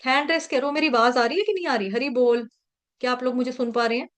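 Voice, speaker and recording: A woman's voice: sits high, fast talker, fairly bright tone. A woman teaching Sanskrit verse recitation in an online class, patiently breaking words into syllables and repeating them. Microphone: video call.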